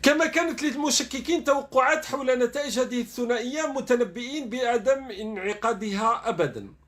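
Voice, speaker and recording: A man's voice: very high-pitched, fast talker, fairly bright tone. A man giving sarcastic online commentary, reading news dispatches aloud and then mocking them.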